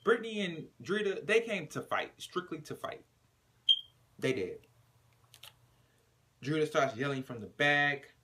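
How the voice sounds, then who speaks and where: A man's voice: on the high side, animated, unhurried, pauses often, bright, forceful tone, a little hiss or hum. A man casually recapping a reality TV episode, using slang and profanity and retelling scenes with dramatic flair. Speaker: TV recap reviewer.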